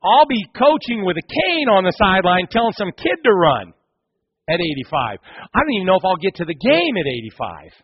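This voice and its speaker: Husky, animated male preacher. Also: high voice, fairly quick, no room sound, dull audio. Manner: animated storytelling, addresses the congregation directly. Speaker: pastor. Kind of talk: sermon.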